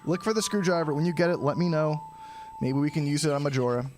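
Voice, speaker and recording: A man giving casual live speedrunner commentary, explaining each step of a game to viewers and often clearing his throat. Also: a little high, fast talker, music in the background. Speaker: speedrunner streaming a game challenge.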